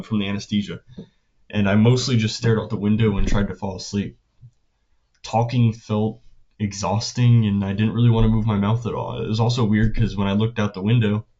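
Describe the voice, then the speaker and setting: A teenage guy with a fairly low voice talks casually, as if recapping his day for a vlog. His delivery is hesitant and halting, with phrase ends that trail off. The sound is a bit dull and lo-fi. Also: darkish tone. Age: teenager, about 16. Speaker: vlogger.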